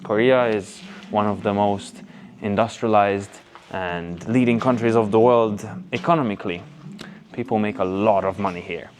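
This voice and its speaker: Lowish-voiced Hungarian man vlogging. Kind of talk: talking to camera, opinion vlog. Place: on location at old museum buildings. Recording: clear background ambient noise.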